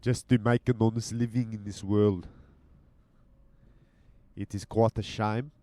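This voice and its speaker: A podcast host rambles casually from his car as he drives, teasing in a mock-stern way. His voice is fairly low with fairly even intonation, a little slow and dark in tone. He's recorded on a handheld mic with headphones, with no room sound.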